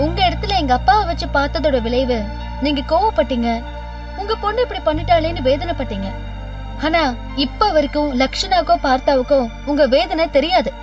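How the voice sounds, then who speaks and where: An earnest, pleading family-minded woman in her thirties, very high voice, serial drama with distant, dull sound and music behind. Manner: pleading, respectful, repeatedly says "sir". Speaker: lead character in a TV serial. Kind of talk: television serial acting. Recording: distant dull TV audio with background score.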